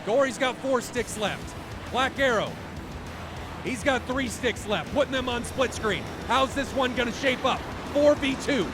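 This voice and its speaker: A man calling a match live as a caster, quick and excitable, shouting at the big moments. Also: very high-pitched, vocal fry. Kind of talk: live play-by-play commentary. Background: music.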